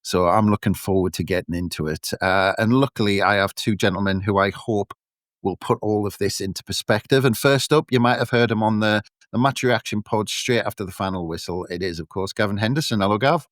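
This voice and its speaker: A man's voice: on the low side, brisk, no room sound, studio quality. A man casually hosting a football podcast and introducing his guests. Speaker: podcast host.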